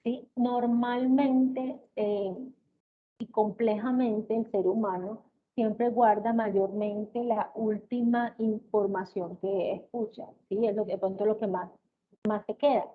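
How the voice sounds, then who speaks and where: A woman giving an explanatory lecture on therapy methods, often checking in with her listeners and filling pauses with hesitation sounds. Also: medium pitch, steady tone. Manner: checks in with listeners with "¿ok?" and "¿sí?", many "eh" fillers. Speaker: lecturer in auditory-verbal therapy. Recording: tinny, phone-like with faint hiss.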